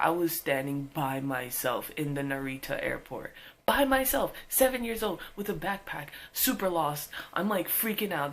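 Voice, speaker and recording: A woman vlogger telling a personal story in a casual, animated way, full of filler words. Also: low voice.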